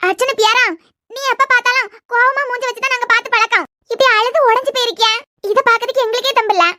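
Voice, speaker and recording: Squeaky high worried cartoon auntie, someone doing her, fast talking, kanyakumari slang. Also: steady tone, pushed and bright, no echo, clean studio sound, exaggerated voice. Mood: anxious. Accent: Kanyakumari Tamil. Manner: rapid anxious pleading. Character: fretful middle-aged woman relative, anxious. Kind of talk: cartoon voice acting.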